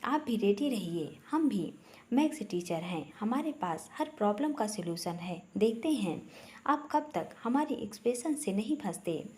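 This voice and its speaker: A teasing, self-assured young maths teacher in an audio story, read by a woman. Her voice is soft and mellow, with a lively rise and fall. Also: mid-range voice, normal speed, close to an everyday voice. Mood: playful.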